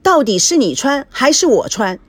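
A woman voicing a quarrelsome young bride in an audiobook, scolding in a high, shrill voice. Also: very animated, normal speed, no echo. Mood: angry.

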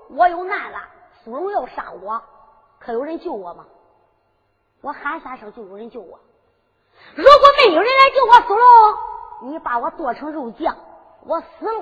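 A bold, defiant young prince speaks with a Henan accent, goading his captor with emphatic storyteller's punch, as a woman puts him on. The voice sits high and swings widely in pitch. It comes through a dull recording with a long hall reverb. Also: sing-song, normal speed, husky, heavily acted. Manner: taunting, emphatic storyteller delivery.

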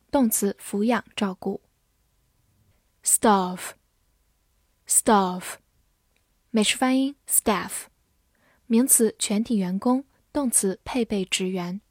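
A woman reads out a vocabulary drill at a very slow, deliberate pace. She says each word twice in a measured way, then gives its meanings. The recording is dry and close, with no room sound. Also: a little high, warm tone, no room sound. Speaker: English vocabulary teacher.

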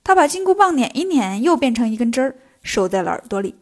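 A woman telling a comic story in a lively way, with playful asides. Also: on the high side, fast. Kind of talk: comic children's story narration.

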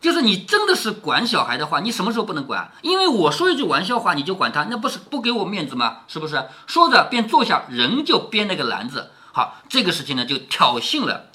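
Man explaining a classic novel, animated. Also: high voice, quick pace, few pauses. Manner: explanatory, asking listeners rhetorical questions. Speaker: storyteller and commentator. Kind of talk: reading a classic novel aloud with commentary.

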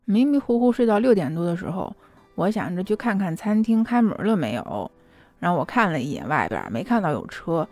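A young adult woman casually telling a personal story in a chatty, lively way. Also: lowish voice, fairly quick, faint music behind. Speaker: vlogger.

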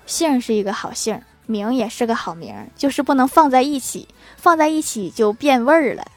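Playful woman host, light and a bit high-pitched, chatty comic reads. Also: very animated, a little fast. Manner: playful, laughs while reading jokes. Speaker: podcast host reading listener messages. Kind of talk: casual comic show reading.

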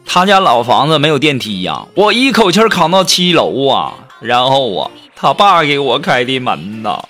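A man telling short comic stories as a joke monologue, drawn out and dramatic. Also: medium pitch. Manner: animated, drawn-out storytelling with dramatic pauses. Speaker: comic storyteller. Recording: music playing behind the voice.

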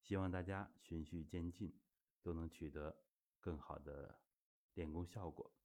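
Very low, mellow-voiced male instructor. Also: fairly even intonation, unhurried. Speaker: health exercise instructor. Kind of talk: spoken teaching talk.

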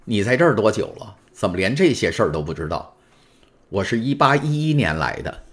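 A man's voice: fairly low pitch, sing-song, fairly quick, voice pushed up. A man voicing a secretive, calculating older male prisoner who speaks in guarded questions in an audiobook. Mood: questioning. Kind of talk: audiobook character voice.

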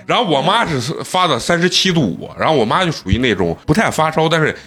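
A man, a podcast host telling stories in a casual chat, animated and often laughing. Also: a little high, quick pace.

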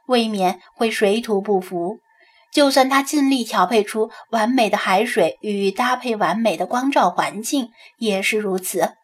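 A woman narrating a novel as an audiobook, reading in an even, measured way. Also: a little high, breathy edge. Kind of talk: scripted narration.

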